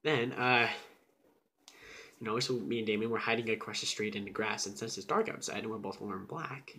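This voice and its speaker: A man's voice: on the low side, fairly quick. Young man telling a story animatedly. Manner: animated, with sudden whispers and shouts. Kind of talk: casual storytelling.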